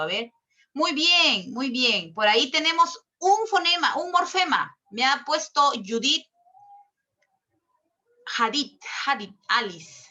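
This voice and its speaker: A woman teaching an online class, unhurried and drawn out, stopping often to ask if her students follow. Her voice is bright and sits a little high. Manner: patient, explains step by step with checking questions; slow and drawn out. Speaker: language teacher.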